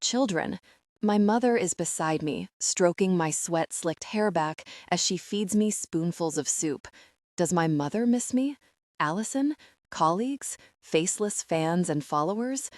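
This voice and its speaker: A woman with a lowish voice reads a first-person audiobook. Her delivery is intimate and emotional, with soft dips. The close studio recording is dry, with almost no room sound. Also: dry recording. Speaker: audiobook narrator.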